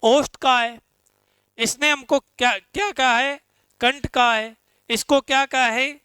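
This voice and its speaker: High, slow-speaking male teacher. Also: fairly even intonation, sharp tone, clean tone, no room sound. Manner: slow, drawn-out syllables, asks students questions and answers them himself. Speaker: Sanskrit teacher. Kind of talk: classroom lesson on pronunciation.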